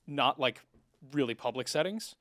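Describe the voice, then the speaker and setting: Man in his twenties, podcast co-host, relaxed casual chat, middle pitch, dry sound. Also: normal speed, no echo. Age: 20s.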